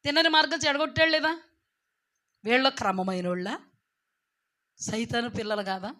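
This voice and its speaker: A woman preaching a sermon, firing rhetorical questions and swinging from soft asides to loud, drawn-out declaiming. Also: a little high, fairly even intonation.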